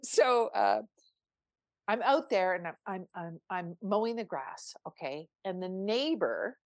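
A woman's voice: mid-range voice, lively intonation, unhurried, no echo. An older woman, a spiritual coach, telling a personal story on a podcast in an earnest, emphatic way, with frequent restarts.

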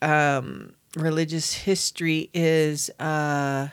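A woman in her late fifties from Los Angeles, co-hosting a podcast in a relaxed, frank way with many fillers. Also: deep voice, slow pace, smooth, no room sound. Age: 50s. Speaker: podcast co-host. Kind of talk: casual chat.

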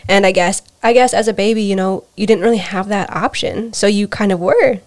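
A woman from Peru, mid-pitched, co-hosting a casual podcast. She speaks in a hesitant, reflective way and often trails off softly. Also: a little fast. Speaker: podcast co-host. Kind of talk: casual personal storytelling.

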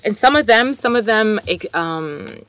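A woman's voice: medium pitch, animated, measured pace, a bit bright, no room sound. A woman whose first language is French, co-hosting a casual, enthusiastic discussion of articles and poetry.

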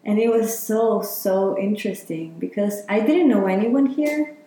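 A woman answers interview questions at an unhurried pace. Her voice is mellow and dark in tone, and she muses as she speaks, filling her pauses with "like" and "you know." The room around her is strongly echoey. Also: mid-range voice. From Chile. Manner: reflective, talks with many fillers. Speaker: interviewee, healer. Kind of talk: casual interview.

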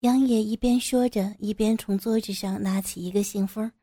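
A woman narrating an audio story in a steady, unhurried storytelling manner, close to the mic. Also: medium pitch, no room sound.

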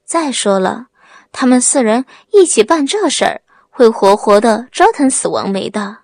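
A woman's voice: a little high, animated, normal speed, a little mellow, no room sound. A woman voicing a sly young village man who pretends to be timid and simple, stammering meekly. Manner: timid stammering act, cold when angry. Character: young village man playing dumb, secretly cunning.

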